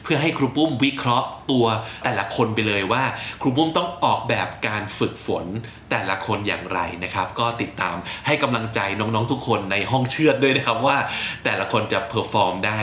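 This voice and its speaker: Thai male host, bright tense voice, echoey room with faint hiss, earnest intro. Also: mid-range voice, lively intonation, normal speed, few pauses. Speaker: show host. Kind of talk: scripted introduction.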